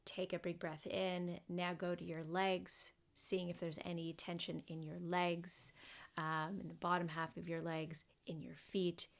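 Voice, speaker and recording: A woman psychotherapist's fairly low, creaky voice stays level in tone as she unhurriedly and gently guides a body scan, often using fillers.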